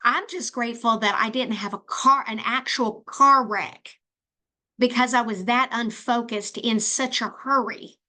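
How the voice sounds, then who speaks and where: A woman's voice: fairly high pitch, pushed and bright. A middle-aged woman hosting a solo podcast, telling a personal story and giving advice in a chatty way, with fillers and restarts. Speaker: podcast host.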